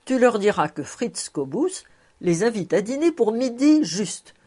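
A woman narrator puts on a big-hearted, jovial bachelor for a storybook reading. He talks in a hearty, expansive way and commands the room with good humour. His voice rises and falls with lively swings. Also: fairly high pitch, unhurried, husky, pitched above the performer's own voice, full character voice. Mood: bossy, cheerful. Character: jovial, generous middle-aged bachelor man.

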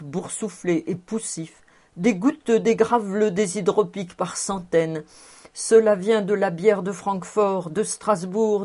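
A woman's voice: medium pitch, darkish tone, close to an everyday voice. A woman reading the part of a jovial, talkative man in a storybook, expanding on his point at length. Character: jovial, talkative middle-aged man at table.

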